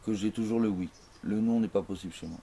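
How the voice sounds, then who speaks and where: A man giving a grandiose, declamatory mystical monologue in an interview, slow and emphatic. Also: lowish voice, mellow, slight background noise.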